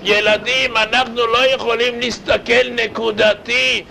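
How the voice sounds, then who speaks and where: A male religious teacher gives a sermon-style lesson and speaks to his students directly. His voice sits high and has a gravelly texture. It also has a bright, sharp edge. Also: a little hiss or hum, poor audio. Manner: animated, addresses students directly.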